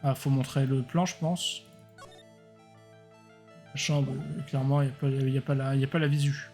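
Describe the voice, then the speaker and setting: A man's voice: medium pitch, little pitch movement, moderate pace, darkish tone, faint music behind. A man streaming a game, commenting casually and hesitantly with many fillers.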